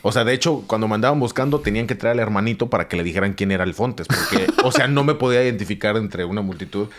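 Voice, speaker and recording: Man, Mexican accent, fairly low pitch, casual comedic storytelling, swears, acts out quotes. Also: fast. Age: adult, grew glasses as adult. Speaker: podcast host telling a story.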